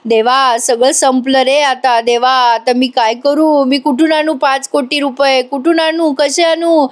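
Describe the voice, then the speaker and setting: A desperate, hot-headed young husband, drowning in debt, who lurches between threats and wailing, as a woman narrator voices him in a high register. The delivery is a dramatized serial recap. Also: steady tone, moderate pace, close to an everyday voice. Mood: despairing. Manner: shouting threats, then wailing.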